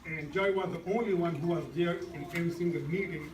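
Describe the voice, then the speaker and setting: A man introduces the guests at a community event, speaking plainly and hesitantly in a fairly high voice. The sound is echoey and distant, as if recorded from across a hall. Clear background noise fills the room. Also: steady tone, quick pace. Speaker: event organizer.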